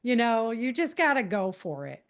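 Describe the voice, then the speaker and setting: A middle-aged American woman with a slightly high, very animated voice speaks at normal speed. As a podcast guest, author and self-defense teacher, she gives conversational interview answers that are earnest, emphatic and informal.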